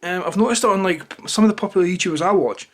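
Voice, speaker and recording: Very fast and high-sitting, the voice is that of a Scottish YouTuber and toddler's parent ranting to camera, irritated, opinionated, unscripted, rambling and full of swearing. The camera is held or placed close to him.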